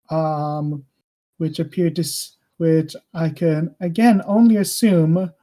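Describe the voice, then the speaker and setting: A woman voicing a stern, suspicious male king who speaks in a slow, measured, accusing way in a tabletop game. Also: on the low side, warm tone.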